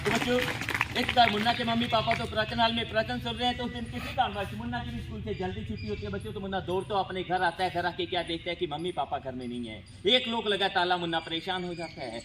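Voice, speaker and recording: High-voiced man, magician at a noisy school. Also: fast. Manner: repetitive, lively storytelling, keeps addressing the children. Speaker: stage magician. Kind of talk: magic show patter for schoolchildren. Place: school event. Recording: noisy school show recording.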